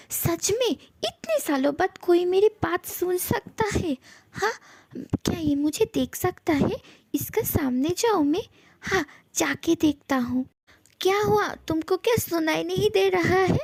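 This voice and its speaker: A bossy, threatening young male ghost from a fan audio story, voiced by a woman. The voice sits high and gravelly, with dry, close sound. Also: no room sound, heavily acted. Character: handsome young male ghost, possessive of his room.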